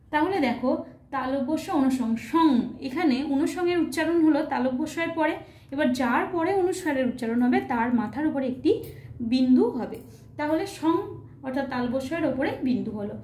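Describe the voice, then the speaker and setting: Woman teacher, high mellow voice, patient step by step board lesson, roomy echo. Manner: patient, step-by-step, often asks "ঠিক আছে?". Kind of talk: online grammar lesson.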